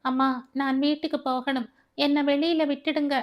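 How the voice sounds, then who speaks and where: A woman's voice: completely flat delivery, moderate pace, lo-fi sound, natural voice. A woman voicing a frightened young woman held captive, crying and pleading. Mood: pleading, terrified. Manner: pleading, shrill and desperate.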